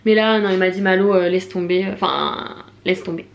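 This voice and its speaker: A young woman with a French accent chatting casually in a shopping haul vlog, full of slang, fillers and lively asides. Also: fairly low pitch, normal speed, gravelly, muffled recording. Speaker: vlogger.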